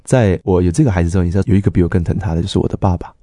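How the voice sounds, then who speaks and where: A man's voice: low voice, very fast, mellow, no room sound, studio quality. A middle-aged man, a pastor earnestly telling his personal testimony and acting out the dialogue he quotes.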